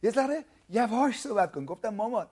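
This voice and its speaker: A man preaching a sermon as pastor, loud and emphatic, stretching key words slowly for stress. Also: high-pitched, expressive, slightly rough. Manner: loud, emphatic preaching with rising calls of hallelujah.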